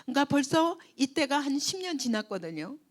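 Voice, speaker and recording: A woman pastor preaching with a lively, swooping delivery in a fairly high voice. She tells the story with feeling and often turns to the congregation with rhetorical questions. Now and then she drops to a whisper to stress a point. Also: a little fast. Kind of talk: sermon at a church retreat.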